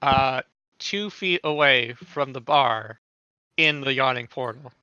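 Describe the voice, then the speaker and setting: A man's voice: mid-range voice, slow pace, sharp tone, clear, resonant tone, dry recording. A man narrating as game master in a rambling way, with many fillers, in a dull lo-fi recording. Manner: rambling, full of fillers and restarts.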